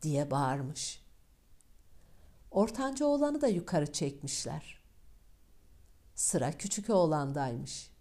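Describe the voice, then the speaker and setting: A woman narrating a fairy tale in a calm, measured reading. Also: sits low. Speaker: storyteller.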